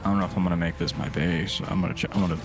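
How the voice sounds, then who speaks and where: Profane, excitable young man streaming. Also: low-pitched, very fast. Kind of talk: casual gaming chat. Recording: music playing behind.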